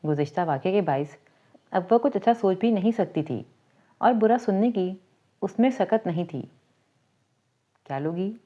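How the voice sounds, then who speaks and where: A woman narrating a romantic novel in a steady, even reading voice. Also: medium pitch. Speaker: storyteller. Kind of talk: scripted story narration. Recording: dull lo-fi recording.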